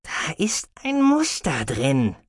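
A small furry alien with a high, squeaky voice trades cheeky jabs, as a male narrator puts him on. The pitch leaps about animatedly. It is a dry, close audiobook recording. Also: huge pitch swings, takes it slowly, slightly rough, dry recording, full character voice. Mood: teasing. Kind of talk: audiobook character voice.

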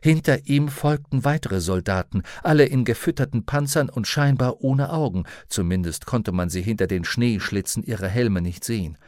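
A man reads a novel aloud in a measured, dramatic way. His voice sits at an ordinary middle pitch. The recording is dry and close, with no room sound. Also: animated, darkish tone, no room sound. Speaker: audiobook narrator. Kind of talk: scripted narration.

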